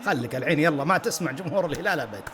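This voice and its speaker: A man with a Saudi accent reacting live to a football match, excitable and bursting into shouts, repeating words over and over. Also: fairly high pitch, very fast, background noise. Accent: Saudi Gulf Arabic.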